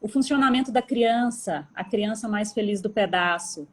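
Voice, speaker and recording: A Brazilian woman, a mother of three, chatting as a guest on a live stream, telling lively stories about her kids and quoting what she tells them. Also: mid-range voice, moderate pace, a little hiss or hum. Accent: Brazilian Portuguese. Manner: animated storyteller, quotes herself talking to her kids. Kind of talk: casual conversational storytelling.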